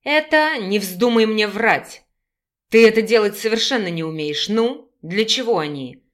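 A woman reading an audiobook and voicing a possessive, domineering bear-shifter man who speaks in a slow, clipped, growling way. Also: mid-range voice, lively intonation, fairly bright tone. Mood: menacing. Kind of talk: audiobook character voice.

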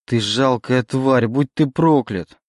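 A man's voice: medium pitch, lively intonation, brisk, a little mellow, no echo, clean studio sound, pitched above the performer's own voice, close to an everyday voice. A man voicing a withdrawn young orphan in an audiobook, his voice strained and raised. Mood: furious. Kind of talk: audiobook reading.

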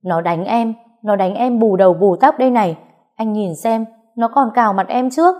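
A spiteful young woman rival in an audio story, as a female narrator puts her on whines and accuses in a shrill, high, loud voice. Her lines come out pitched well above the narrator's usual low tone. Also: moderate pace, natural voice. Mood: whining tearful.

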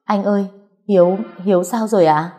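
A woman's voice: medium pitch, normal speed, warm tone, faint music behind, lightly acted. A woman voicing a frantic young woman pleading for help, her voice raised. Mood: desperate pleading.

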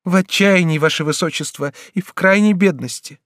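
A man's voice: sits high, brisk, dry recording, studio quality, voice pushed up, close to an everyday voice. A man reading an audiobook voices a timid, desperate young woman pleading with a prince, in a raised, strained voice. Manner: pleading and tremulous.

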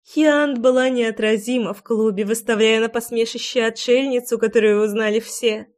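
Woman doing a creepy villain lady, gloating, hissy, kinda high. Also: fairly even intonation, normal speed, darkish tone, close to an everyday voice. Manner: cold, gloating, hissing threats. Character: vengeful scheming woman villain, psychopathic.

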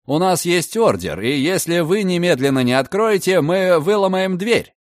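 A man's voice: high-pitched, very animated, normal speed, dry recording, studio quality, pitched above the performer's own voice. A man voicing a stern police commissioner, speaking in curt, commanding lines.

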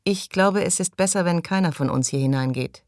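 A woman's voice: fairly low pitch, a little fast, a little mellow, no echo, clean studio sound, lightly acted. A woman reading the lines of a serious man who takes charge, speaking earnestly and urgently in an audiobook.

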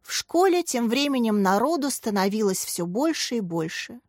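A woman's voice: a little high, normal speed, dry recording, clean studio sound. A woman reading a children's story aloud, acting out each character in turn. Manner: lively, acts out each character. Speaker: narrator. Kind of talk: storybook narration.

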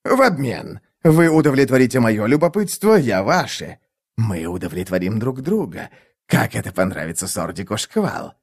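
A man's voice: lowish voice, big pitch swings, moderate pace, creaky, breathy edge, full character voice. A man voicing a sly, lecherous mage who babbles eagerly and mutters scheming asides to himself.

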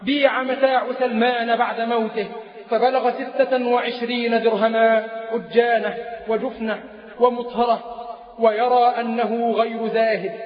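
A man preaching a sermon in a chanting, sing-song delivery, repeating key phrases. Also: very high-pitched. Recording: echoey lo-fi mosque recording.

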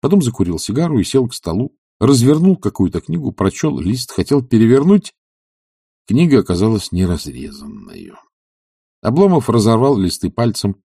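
A man narrating a classic novel as an audiobook, measured and expressive. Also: fairly low pitch, slightly rough, no echo, studio quality. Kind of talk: literary audiobook reading.

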